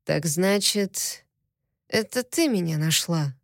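Brief: woman doing a dangerous, mocking male captive for an audio novel; low, slow and threatening, dry close sound. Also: no echo, close to an everyday voice. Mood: menacing. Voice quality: deep low voice. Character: menacing powerful male alien captive, mocking.

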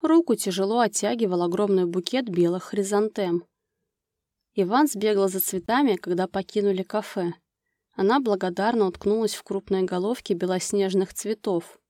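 A woman narrating a romance novel as an audiobook, with smooth, expressive storytelling. Her voice is dark and mellow, at an ordinary pitch for a woman. The recording is dry and close, with no room sound. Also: normal speed, no room sound.

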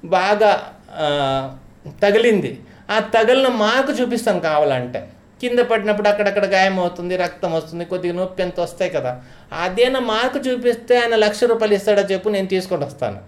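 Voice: medium pitch, close to an everyday voice. A storyteller voicing a humble male temple garland maker who pleads that he is not learned enough. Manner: pleading, self-doubting. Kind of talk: devotional storytelling.

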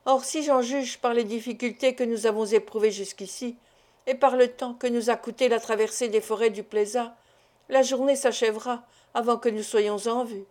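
Lady reading as a whiny scared little old doctor, pleading, a bit high. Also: fairly even intonation, moderate pace, darkish tone, natural voice. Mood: worried. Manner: pleading and fretful. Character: timid, complaining, tired older village doctor, small man.

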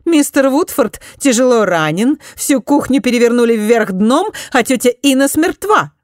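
A woman reading an audiobook, voicing a spoiled, accusing pregnant young noblewoman in a high, loud voice. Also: animated, normal speed, no echo, studio quality, natural voice. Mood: scheming.

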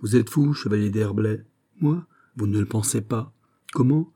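A man's voice: fairly low pitch, normal speed, warm tone, husky. A man reading the part of a proud, anxious finance minister, speaking earnestly. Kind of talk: audiobook character reading.

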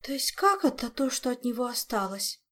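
A woman's voice: high-pitched, big pitch swings, moderate pace, pitched above the performer's own voice. Woman doing an exasperated, bewildered young woman. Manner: agitated, shouting in dismay.

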